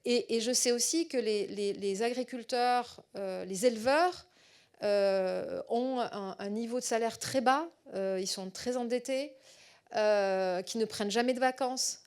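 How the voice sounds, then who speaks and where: A middle-aged woman with a southwestern French accent gives a public lecture as a researcher. She often pauses on fillers and repeats words. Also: on the high side, a little mellow, smooth.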